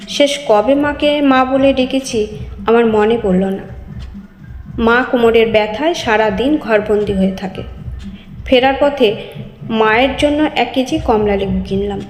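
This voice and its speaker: A woman's voice: a little high, a little mellow. A woman narrating an emotional story, reading every part herself and lifting her voice for the quoted lines. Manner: reads all parts, raising her voice for quoted speech. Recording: echoey room with long reverb.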